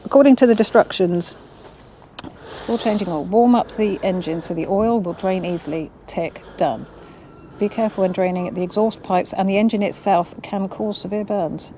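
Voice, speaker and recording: A woman's voice: medium pitch, mellow, slight background noise. Chatty woman in a garage. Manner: chatty, self-mocking, reads instructions aloud. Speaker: motovlogger. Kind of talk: casual chat while working on a motorbike.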